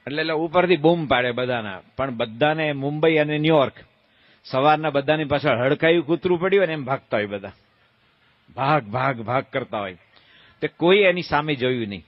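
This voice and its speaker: Folksy swami telling stories. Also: male voice, on the high side, a little fast, no echo, highs cut off. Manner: folksy, playful, asks the crowd questions and acts out voices. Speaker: swami giving a religious discourse. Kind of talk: storytelling sermon.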